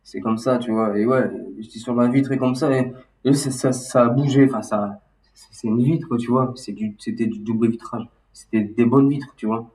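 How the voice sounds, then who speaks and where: A man talking casually and loosely about his memories, halting and restarting often with lots of fillers. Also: mid-range voice, fairly even intonation, darkish tone. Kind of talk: casual rambling monologue. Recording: roomy echo, mic at a distance.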